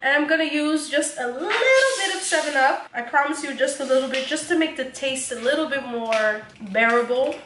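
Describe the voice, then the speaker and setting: A woman's voice: high-pitched, animated, moderate pace, hardly any pauses, echoey room, noisy background. A young woman making a casual cooking vlog in her home kitchen, chatty and joking, laughing often and swearing casually. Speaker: vlogger.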